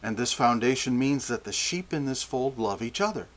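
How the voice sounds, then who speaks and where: An older man preaching a sermon, slow and deliberate, often restarting his phrases. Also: medium pitch, expressive.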